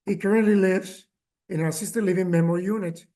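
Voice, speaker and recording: A man speaking as a caregiver at a workshop, telling his story with many pauses, fillers and restarts, and growing emotional at times. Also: high-pitched, steady tone, mellow. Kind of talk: personal testimony, remote talk.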